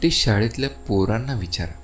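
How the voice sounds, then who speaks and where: A man's voice: fairly low pitch, normal speed, slight background noise, natural voice. A man reading the part of a flustered middle-aged householder eager to please the inspector.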